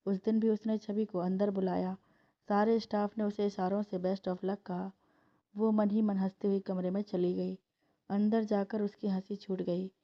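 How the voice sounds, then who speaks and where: A woman narrates a family story in a plain, steady reading. Her pitch barely moves and stays at a middle height. The recording is dull and lo-fi. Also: unhurried.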